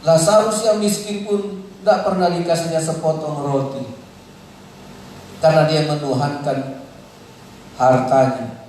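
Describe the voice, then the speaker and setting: High-voiced preacher in an echoey hall. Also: male voice, steady tone, measured pace, long pauses, a little hiss or hum. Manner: calls out questions to the congregation; wide swings between loud high preaching and low quiet asides. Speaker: pastor. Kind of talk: sermon. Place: church hall. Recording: echoey hall, mic at a distance.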